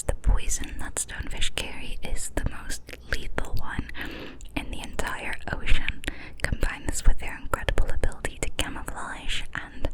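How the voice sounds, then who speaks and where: Young woman in a cupped-hand ASMR whisper. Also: low-quality recording. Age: young adult. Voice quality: unvoiced whisper. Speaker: ASMR host. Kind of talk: whispered ASMR, reading fun facts. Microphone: extreme close-up mic.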